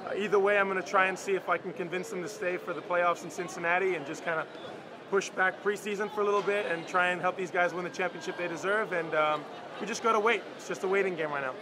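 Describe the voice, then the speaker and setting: A man's voice: sits high, steady tone, fast. A young man in his twenties, a soccer player, answering postgame questions eagerly, with many fillers. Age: 20s. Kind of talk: postgame interview. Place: indoor soccer arena floor. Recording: arena noise behind.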